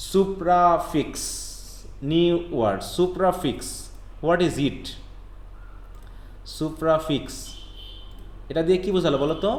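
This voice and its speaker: A man with a Bangladeshi accent teaches English grammar in a live online class, his voice set fairly high for a man. His English explanations come out slow and halting, padded with "uh" and "actually", while his Bengali asides move more quickly. The sound is echoey, like a bare room.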